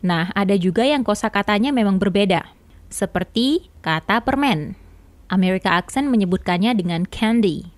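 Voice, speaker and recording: Woman, English tutor, patient step-by-step explainer, slightly low voice, dry sound. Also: a little mellow, no echo. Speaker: English teacher. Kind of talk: explanatory language lesson.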